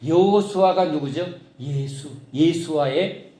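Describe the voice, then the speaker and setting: Middle-aged guy pastor preaching, kinda high voice, acts out his own grumbling, echoey church room. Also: slow pace. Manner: animated storytelling, acting out his own complaints to God. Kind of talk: sermon.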